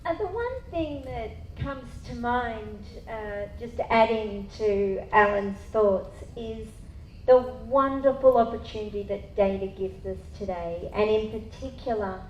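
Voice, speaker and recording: Woman, panelist, measured and thoughtful, mid-range voice. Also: medium pitch, a little mellow, slight background noise. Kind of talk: panel discussion. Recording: echoey room.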